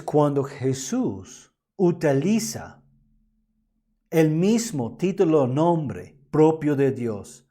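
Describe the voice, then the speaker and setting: A man gives an online Bible lesson in a soft, mellow tone. He speaks slowly and deliberately, restarting phrases and clearing his throat as he explains. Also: medium pitch. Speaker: Bible teacher.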